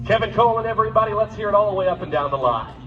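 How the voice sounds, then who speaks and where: A man's voice: sits high, lively intonation, racing, dull audio. A man announcing live at an airshow to a crowd. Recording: echoey distant PA with loud music. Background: loud music.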